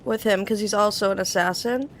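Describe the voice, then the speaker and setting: A woman's voice: mid-range voice, steady tone, a little fast, a little hiss or hum. A young woman streaming a game, chatting casually and rambling, swearing now and then, into a cheap desk mic. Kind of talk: casual gaming stream chat. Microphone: cheap desk mic on an arm.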